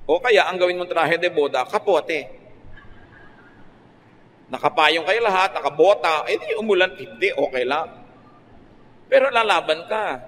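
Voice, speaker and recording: Pausing often and speaking a little slowly, a man with a Filipino accent preaches a conversational radio sermon in a blend of Filipino and English. His pitch jumps up suddenly and lively now and then, and the audio carries faint noise with long reverb.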